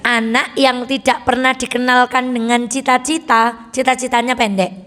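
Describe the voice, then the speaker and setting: A woman religious teacher with a Javanese accent, telling stories and asking her audience questions in a lively study talk. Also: a little high, moderate pace, big-room sound. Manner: animated storytelling, asks the audience questions.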